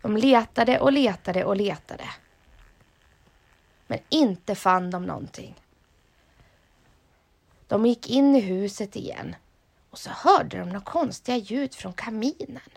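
A woman reading a children's story aloud, lively and expressive. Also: mid-range voice, creaky, long pauses.

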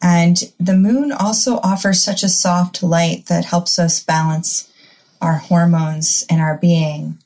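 A woman with a Midwestern accent, explaining wellness topics in a gentle, earnest, casual chat. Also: fairly low pitch, steady tone, slow pace. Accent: Midwestern American.

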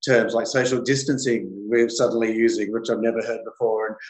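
A man's voice: mid-range voice, brisk. Chatty Australian man in a roomy space. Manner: chatty, expressive storytelling. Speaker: guest. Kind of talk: casual interview.

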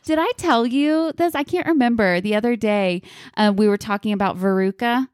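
A woman's voice: a little high, dry recording, studio quality. Responsive woman podcast co-host. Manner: warm, responsive, quick to agree. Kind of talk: casual chat.

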